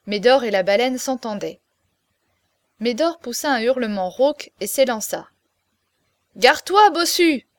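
A woman reading a classic novel aloud as narrator, with lively, expressive storytelling. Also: a little high, moderate pace, no echo, studio quality.

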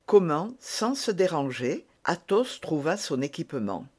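A man reading a novel aloud as narrator, slow and measured. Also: a little high, big pitch swings, husky. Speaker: audiobook narrator. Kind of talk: scripted narration.

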